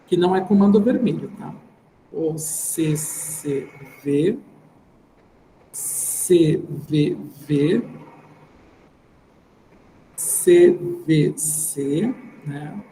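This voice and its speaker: Extremely slow and full of long pauses, a man with a fairly high, warm voice and a Brazilian Portuguese accent teaches online. He thinks aloud in an informal way, often adding "né," and the recording sounds roomy and reverberant with faint background noise.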